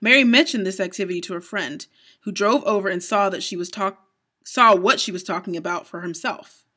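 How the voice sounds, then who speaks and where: A woman's voice: medium pitch, brisk, pushed and bright. A woman co-hosting a casual podcast, narrating paranormal stories from her notes with small stumbles and easy laughs. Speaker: co-host.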